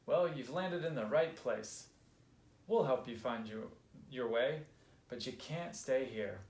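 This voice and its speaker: A man voicing a big, helpful adult kittiwake seabird in a steady, reassuring storybook voice. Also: medium pitch, slow. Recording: roomy echo.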